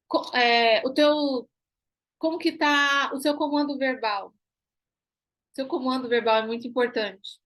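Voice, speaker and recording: Woman, high voice, emphatic online lecture, rhetorical questions. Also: poor audio. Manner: emphatic, repeats key phrases, asks rhetorical questions. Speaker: pilates teacher and business mentor.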